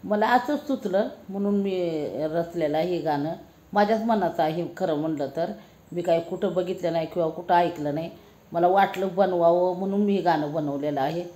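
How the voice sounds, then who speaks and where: A woman's voice: on the low side, normal speed, dark tone. A woman chatting casually and modestly to her viewers as a vlogger, asking them to like and comment. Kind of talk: casual vlog chat to viewers. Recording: echoey room.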